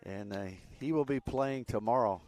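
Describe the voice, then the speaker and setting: Calling a youth soccer game live, this medium-pitched commentator keeps a moderate pace. His style is easygoing and talkative, peppered with frequent fillers.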